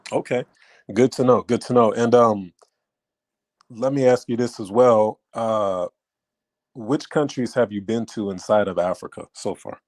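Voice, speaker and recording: A man's voice: on the low side, measured pace, a little mellow, no room sound. Laid-back man asking casual questions. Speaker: host interviewer. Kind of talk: casual street interview.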